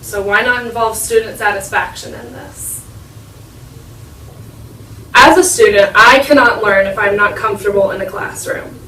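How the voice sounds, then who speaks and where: A high school girl in her late teens giving an earnest persuasive speech with emphatic repetition. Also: normal speed, pauses often, sharp tone, slight background noise. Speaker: high school student speaker. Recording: echoey room, mic far off.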